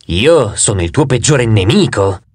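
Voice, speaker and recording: A man reading an audiobook, voicing the gloomy face of a two-faced male god in a slow, deep, ominous tone. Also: big pitch swings, a little mellow, slightly rough, dry recording, full character voice. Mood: menacing.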